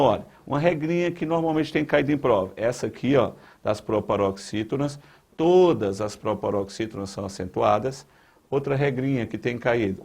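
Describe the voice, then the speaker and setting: Creaky-voiced Brazilian grammar teacher. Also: male voice, medium pitch, darkish tone. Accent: Brazilian Portuguese. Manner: repetitive, emphatic, talks straight to the viewer. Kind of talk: exam-prep lesson.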